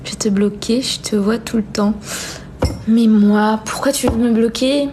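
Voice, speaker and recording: With background noise audible, a young adult woman hosts a live stream, casually reading and responding to viewer comments. She speaks at a fairly high pitch, a little slowly and with fairly even intonation, in an informal, hesitant manner, frequently repeating herself.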